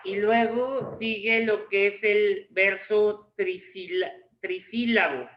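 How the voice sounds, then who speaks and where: A male literature teacher dictates a lesson at a very slow pace, in short measured phrases. His voice sits high for a man. The sound is dull and lo-fi, in an echoey room. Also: fairly even intonation, a little hiss or hum.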